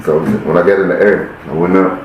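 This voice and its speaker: A man's voice: low voice, steady tone, a little fast. A man hosting a podcast, telling a story in a casual way, often turning to his listeners with "y'all" and acting out the scenes as he goes. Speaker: podcast host. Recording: roomy echo, faint hiss.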